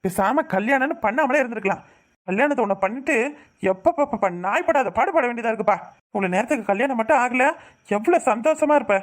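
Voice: mid-range voice, lively intonation, fast talker, natural voice. A performer with a Tirunelveli Tamil accent voicing an irritable young husband who grumbles and scolds his wife in a cartoon. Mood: scolding. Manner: nagging, complaining rants. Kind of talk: cartoon voice acting.

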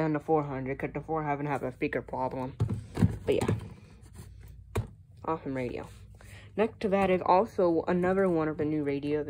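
On a noisy handheld phone recording made in a room at home, a young American hobbyist vlogger casually shows off her collection. Her voice is low and a little mellow.

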